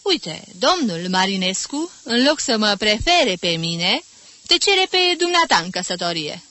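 A woman's voice: mid-range voice, big pitch swings, sharp tone, dry recording. Woman voicing an effusive old society lady. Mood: gushing. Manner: gushing, theatrical, exclamatory.

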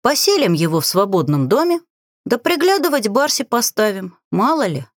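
A woman's voice: mid-range voice, sing-song, moderate pace, no room sound, clean studio sound. A woman reading aloud, voicing a sly young witch who mocks and gives orders. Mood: explaining. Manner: mocking and commanding.

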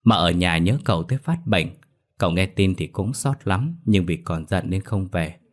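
A man narrating a ghost story in a steady, dramatic way. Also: sits low, normal speed.

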